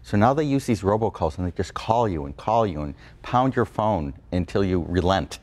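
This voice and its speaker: Guy lawyer being interviewed, slightly low voice, plain talk, repeats stuff to make the point. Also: expressive, normal speed, darkish tone. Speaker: attorney guest. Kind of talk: informal interview explanation.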